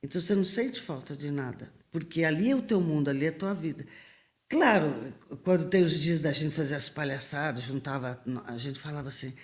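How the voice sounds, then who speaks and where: A middle-aged woman from Brazil, a missionary guest on a podcast, telling stories in a lively way, acting out the voices she quotes and laughing often. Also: low-pitched, a little fast. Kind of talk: lively storytelling in a podcast interview.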